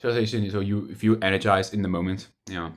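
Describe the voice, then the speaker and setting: Casting: young adult male vlogger, lower-pitched, casual and hesitant, loops back over his own phrases. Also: steady tone, very fast. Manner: hesitant, repetitive, with trailing thoughts. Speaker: video diarist. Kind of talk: casual rambling monologue to camera.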